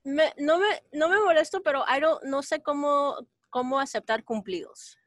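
A woman talking on a casual panel, hesitant as she switches between Spanish and English. Her voice is somewhat high, and the sound is dry. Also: expressive, normal speed, fairly bright tone, no echo.

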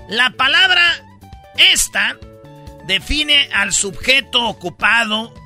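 Man, Mexican accent, very high voice, sharp bright tone, radio comedy host, music bed behind. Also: lively intonation. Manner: rapid, playful, slangy Mexican joke telling. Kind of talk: comedic radio banter and joke telling.

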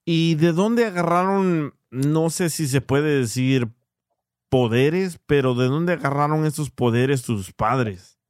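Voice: mid-range voice, slow pace, darkish tone, no echo, clean studio sound. An interview host asking short, curious questions and giving brief replies.

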